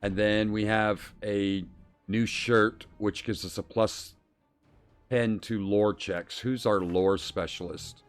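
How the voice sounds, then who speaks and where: A man's voice: lowish voice, fairly even intonation, slow pace, smooth, faint music behind. A man streaming a role-playing game, casually thinking aloud and reading out game text as he plays.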